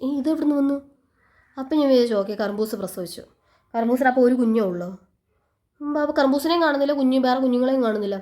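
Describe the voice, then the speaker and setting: A woman chats quickly in a casual home vlog, telling her story with lively energy. Her voice sits a little high, with a warm, mellow tone. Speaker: vlogger.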